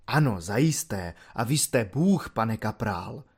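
A man doing an unflappable, good-natured soldier with a lower, softer voice than the narrator's. He talks calmly and slowly, rambling from one tale to the next. He stays easygoing even when he is shouted at, a figure from a storybook reading. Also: husky. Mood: placid. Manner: calm, rambling, slow and easygoing.

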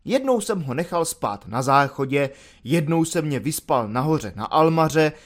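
A man voicing a placid, good-natured soldier who rambles along calmly and easily, in a storybook reading. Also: fairly high pitch. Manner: calm, rambling, slow and easygoing.

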